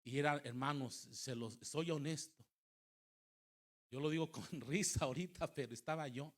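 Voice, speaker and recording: A man's voice: on the high side, moderate pace. Middle-aged preacher man, dramatic delivery. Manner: dramatic, swinging from loud emphatic calls to quiet recounting. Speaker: pastor. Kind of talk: Spanish-language sermon with storytelling. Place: church service.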